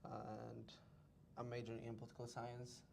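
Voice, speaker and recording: A man's voice: mid-range voice, completely flat delivery, moderate pace, creaky, a little hiss or hum. A young man from Palestine, a college student, answering interview questions casually with lots of "like". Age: young adult. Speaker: guest.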